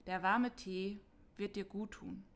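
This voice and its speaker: A gentle male cobbler with a warm, friendly way of talking, kind to everyone who passes his window, as a woman reading a storybook puts him on. He speaks slowly and invitingly, like someone welcoming a cold guest into his room. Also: mid-range voice, fairly even intonation, gravelly. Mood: kindly.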